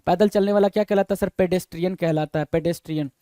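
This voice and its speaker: A man's voice: high-pitched, fairly even intonation, quick pace, mellow, dry recording, studio quality. A man teaching English vocabulary for exam prep, casually quizzing listeners and spelling words out letter by letter. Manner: quizzes listeners with rhetorical questions; casual, calls listeners "bhai".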